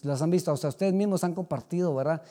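A man preaching a sermon as pastor, swinging from loud exclamations to quiet asides. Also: on the high side, quick pace, big-room sound.

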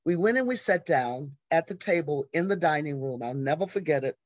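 A Southern American woman in her sixties, an arts educator, tells stories animatedly as an interview guest, acting out the voices of people she quotes. Her voice is low-pitched and brisk, with no room sound, on dry, slightly dull lo-fi audio.

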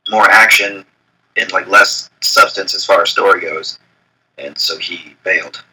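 Matter-of-fact male co-host, casual chat, lower pitch, bright tone. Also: steady tone, measured pace, slight background noise, low-quality recording. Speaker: podcast co-host.

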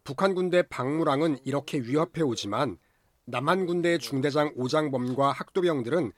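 A man's voice: a little high, moderate pace. A man delivering scripted film recap narration in a formal storytelling manner.

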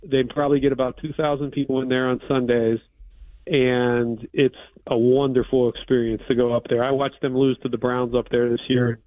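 A man's voice: medium pitch, level tone, normal speed, no room sound. A man from Pittsburgh, a university athletics official, talking casually as a guest on a radio show over a remote satellite line, with plenty of "you know" fillers. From Pittsburgh, USA. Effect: remote satellite line, phone-like sound. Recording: tinny remote phone-like line.

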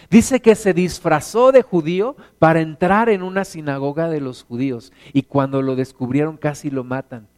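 A middle-aged Mexican man preaching a sermon as pastor, animated, acting out stories in put-on voices. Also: fairly high pitch, clear, resonant tone. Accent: Mexican Spanish.

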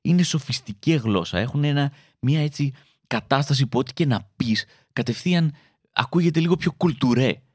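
A young adult man with a husky voice does a stand-up style comedic monologue, recorded in studio quality with no room sound. Telling his stories animatedly, he acts out quoted voices with big pitch jumps.

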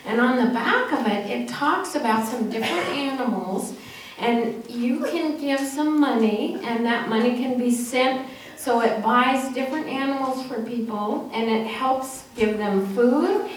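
During a church service, a woman leads a children's message, speaking simply and encouragingly in a voice on the high side at an unhurried pace. She asks the kids questions and affirms their answers, and the distant mic picks up an echoey church with faint noise.

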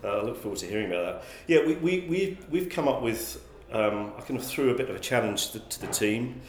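Here the English magazine publisher's voice sits at medium pitch, with lively intonation and a quick pace. As an interview guest he answers thoughtfully, often restarting sentences and repeating words, and the sound is roomy and echoey.

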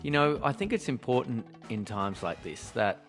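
A man's voice: medium pitch, sing-song, normal speed, a bit bright, faint music behind. A hungover man co-hosting a podcast in casual, rambling, joking chat. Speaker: podcast co-host.

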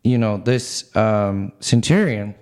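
A man co-hosting a casual Bible discussion, relaxed and conversational, thinking aloud as he talks. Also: lowish voice, slow. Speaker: Bible study podcast co-host.

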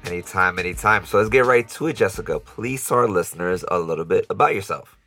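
A man hosting a casual podcast interview, chatty and quick to laugh, often repeating words as he starts a question. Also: deep voice, pushed and bright, faint music behind. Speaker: podcast host.

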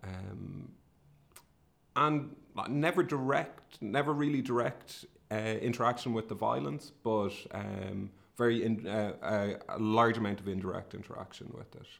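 With a lowish, gravelly and somewhat bright voice, a middle-aged Sligo man talks unhurriedly through his career story, casual and a touch hesitant as if thinking aloud. He's an academic researcher and podcast host with a west of Ireland accent from the northwest.

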